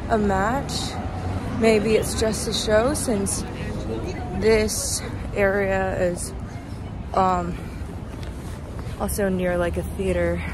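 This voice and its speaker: A young adult vlogger with a mid-range voice chats casually on a handheld phone at arm's length, walking outside along a city street at night. Her talk rambles and halts, and the recording carries noisy passing traffic and street ambience.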